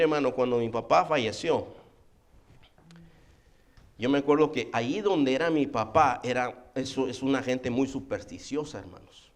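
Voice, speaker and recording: A man preaching a sermon as pastor, emphatic and constantly addressing his listeners as brothers. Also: fairly high pitch.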